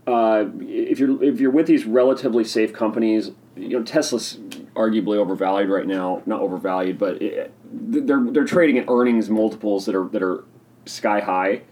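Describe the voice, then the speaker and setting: A man hosting a casual solo podcast, talking in an excitable, rambling, opinionated way while sipping a drink. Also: on the low side, moderate pace. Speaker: podcast host.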